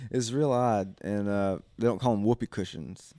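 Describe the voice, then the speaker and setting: A man co-hosting casual comedic banter, halting and full of fillers and chuckles, into a handheld microphone. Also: on the low side, dark tone, no room sound. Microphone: handheld microphone with switch.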